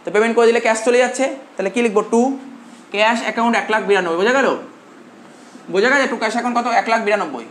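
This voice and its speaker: A man's voice: very high voice, fairly even intonation. Male tutor dictating notes in a roomy classroom. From India. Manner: dictates slowly and repeats phrases, quizzing students. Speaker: commerce tutor. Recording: roomy classroom echo, faint hum.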